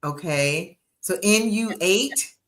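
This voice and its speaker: A woman's voice: on the low side, slow. A woman in her sixties hosting a livestream interview as a book coach, upbeat and encouraging, often repeating herself on a video call. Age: 60s.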